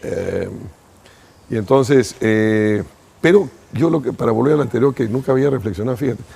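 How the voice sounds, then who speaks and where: A man's voice: medium pitch, moderate pace, creaky, mellow, breathy edge. A man, an interview guest thoughtfully reminiscing about his life at length. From Peru. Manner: thoughtful, reminiscing, speaks in first person at length. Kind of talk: reflective interview storytelling.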